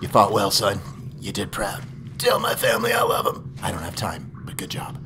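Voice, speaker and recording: A man's voice: lowish voice, wildly swooping pitch, normal speed, vocal fry, over music, heavily acted. Man putting on a gasping, dying soldier. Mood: gasping farewell. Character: dying male soldier, sentimental and pleading. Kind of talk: improvised voice during gameplay.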